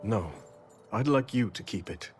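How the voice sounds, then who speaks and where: A man playing a noble, steadfast king in a video game, with a formal, measured, regal delivery. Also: fairly low pitch, lively intonation, music in the background. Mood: solemn, kind. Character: noble, steadfast king rallying his allies. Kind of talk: dramatic video game voice acting.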